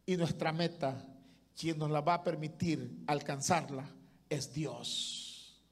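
A pastor delivers an impassioned sermon in a slow, husky, slightly high voice. He rises to loud calls and then drops to hushed asides.

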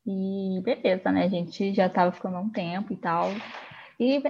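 A woman's voice: medium pitch, steady tone, normal speed, highs cut off. A woman in casual chat, eager to share her own story.

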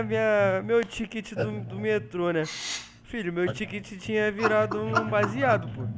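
A man's voice: extremely high pitch, a little hiss or hum. A man with a Rio de Janeiro accent, telling a story to friends in casual, slangy chat. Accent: Rio de Janeiro Portuguese. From Rio de Janeiro, Brazil. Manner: animated, slangy, laughs through his story. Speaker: podcast co-host.

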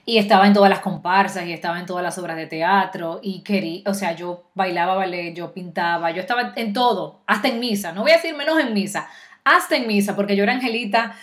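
Chatty Dominican actress, animated. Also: female voice, mid-range voice. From Dominican Republic. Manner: animated and chatty, with quick restarts. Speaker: actress, interview guest. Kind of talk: casual interview chat.

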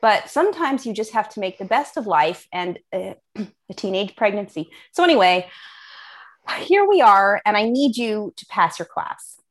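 Jaded female English teacher, played by a woman, mid-range, defensive and earnest, halting delivery, comic radio play. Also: medium pitch, sing-song. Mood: wry, resigned. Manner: halting, throat-clearing, earnest warnings. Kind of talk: comedic radio-play acting.

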